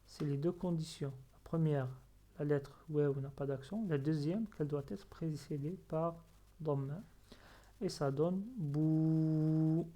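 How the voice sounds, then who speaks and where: A teacher giving a recorded reading lesson, pronouncing each word slowly and clearly twice, then explaining patiently and quietly, with small self-corrections. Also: medium pitch.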